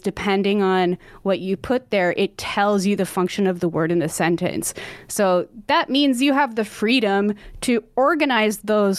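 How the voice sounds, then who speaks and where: In a casual interview, a woman who sings opera talks in a smooth, mid-range voice, chatty and quick to laugh, with plenty of "like" and "um" fillers. There's no room sound on the recording.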